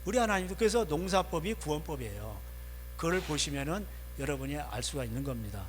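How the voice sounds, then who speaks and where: A man's voice: on the high side, very animated, quick pace, in a large hall, a little hiss or hum. A male pastor preaching a conversational sermon. He asks rhetorical questions and answers his own points with short affirming asides. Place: church sanctuary.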